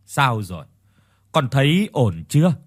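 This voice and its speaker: A man's voice: medium pitch, big pitch swings, a little slow. A man voicing a frantic worried mother. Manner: anxious, pleading.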